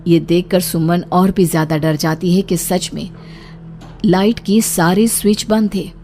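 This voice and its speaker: A woman narrating a scripted horror story for a cartoon in a steady, suspenseful way. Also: lowish voice, a little slow, soft background music.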